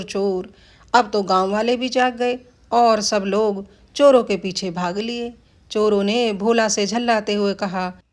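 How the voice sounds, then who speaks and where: A woman narrating a scripted folk tale, voicing the characters with small shifts in her delivery. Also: mid-range voice. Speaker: storyteller.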